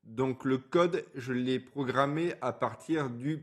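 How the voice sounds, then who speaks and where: A man's voice: mid-range voice, takes it slowly. A man hosting a stock chart channel, giving blunt, colloquial market commentary over a screen recording, stumbling over words now and then.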